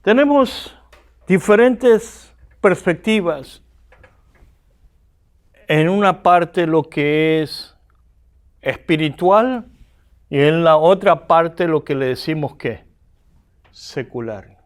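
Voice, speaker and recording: This seminary lecturer from Argentina speaks slowly and with animation, pausing often, in a fairly high voice. He has an Argentine accent and fills his classroom lecture with rhetorical questions aimed at the students.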